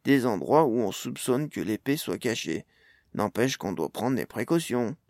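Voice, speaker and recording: A man's voice: mid-range voice, very animated, normal speed, a little mellow, dry recording, studio quality. A man voicing a cheeky, blunt male gnome with a casual way of talking.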